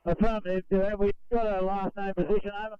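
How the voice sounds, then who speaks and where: A man's voice: sits high, little pitch movement, fast, clear, resonant tone, no echo. A man working as an emergency radio operator, giving brief procedural acknowledgements over a two-way radio. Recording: dull, lo-fi radio transmission.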